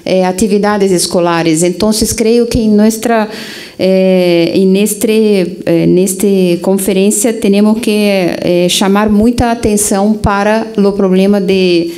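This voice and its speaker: A middle-aged Brazilian woman, a native Portuguese speaker, giving formal conference remarks in halting Spanish mixed with Portuguese. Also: medium pitch, steady tone, warm tone. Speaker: conference delegate. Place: large conference hall. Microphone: gooseneck table microphone.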